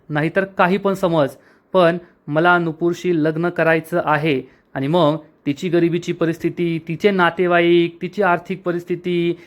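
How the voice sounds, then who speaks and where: A man's voice: a little high, natural voice. A man reading the lines of a rich young man, determined and in love, in a soap recap.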